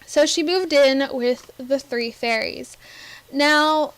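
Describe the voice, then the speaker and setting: A woman giving casual, rambling commentary over a life-simulation game, giggling often and filling pauses with ums. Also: high-pitched, no echo, low-quality recording. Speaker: Sims gameplay narrator.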